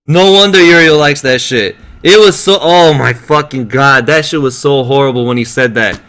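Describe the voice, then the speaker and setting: A man's voice: fairly high pitch, normal speed, fairly bright tone. A man ranting in casual, profane, exasperated talk to his live-stream viewers, telling a story with lots of animation.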